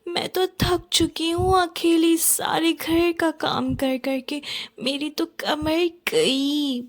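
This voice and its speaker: A very high-pitched lazy young wife from a cartoon, as a woman voices her. She is cheeky and complaining, with quick excuses and a sharp tongue. She talks back, and her words come out unhurried and drawn out. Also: steady tone. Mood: sassy. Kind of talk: cartoon voice acting.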